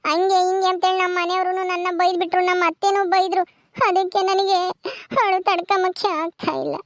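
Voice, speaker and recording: A heartbroken young village wife, played by a woman who wails through her lament in a very high, thin voice. The sound is dry and close, with no room around it, like a village family drama. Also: little pitch movement, brisk, no echo, highs cut off. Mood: tearful. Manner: wailing, lamenting in a sobbing voice. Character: tearful young village wife, wronged and distraught.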